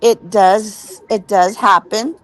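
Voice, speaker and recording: Woman telling her ghost story real slow, earnest, keeps repeating herself. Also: mid-range voice, fairly even intonation, poor audio. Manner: slow, earnest, repeats words when tense. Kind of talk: casual storytelling.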